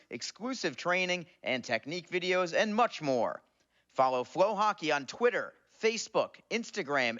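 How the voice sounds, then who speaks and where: Male promo announcer, scripted read, bright slightly high voice on a lo-fi recording. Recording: dull, lo-fi audio.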